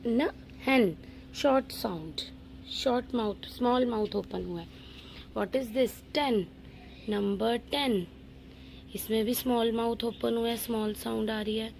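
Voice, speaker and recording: A young woman teacher with an Indian English accent leading a phonics lesson for small children, drawing out each word slowly in a sing-song way and asking simple questions. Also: on the high side, gravelly, a little mellow, a little hiss or hum. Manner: slow, sing-song drawn-out words with frequent questions.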